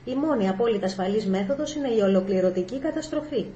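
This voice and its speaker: Stern, insistent woman psychologist, read by a woman; mellow tone in a roomy space. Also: a little high, animated, highs cut off, slight background noise, lightly acted. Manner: firm, insistent. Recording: echoey room, faint ambience.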